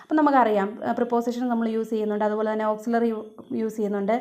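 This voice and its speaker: Woman tutor, fast exam-prep lecture, slightly high voice, explains point by point. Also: little pitch movement, mellow. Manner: explains step by step, mixing English terms into Malayalam. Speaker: teacher.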